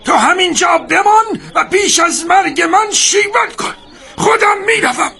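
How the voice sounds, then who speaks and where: An actor playing a blind old father in a radio drama, solemn and commanding, with a gravelly voice. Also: very high-pitched, expressive, heavily acted. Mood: commanding shout. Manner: solemn, commanding, bursts into shouts.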